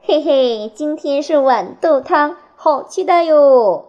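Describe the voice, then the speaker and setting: A woman's voice: high-pitched, big pitch swings, normal speed, dark tone, highs cut off, voice pushed up. A woman voicing a timid little boy hedgehog who stammers, reading a storybook aloud. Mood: happy.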